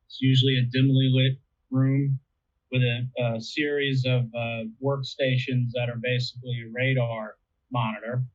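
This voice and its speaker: Over a tinny, narrowband line that sounds like a phone, a man in an interview explains air traffic control casually, using everyday analogies. His voice is mid-range, his delivery flat, and his pace moderate.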